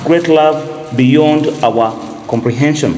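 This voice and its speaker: A man's voice: a little high, slow, highs cut off. A man hosting a travel vlog, asking questions and thanking his viewers. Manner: thanks viewers warmly, asks short questions. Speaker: vlogger host. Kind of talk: casual interview. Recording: echoey with light noise.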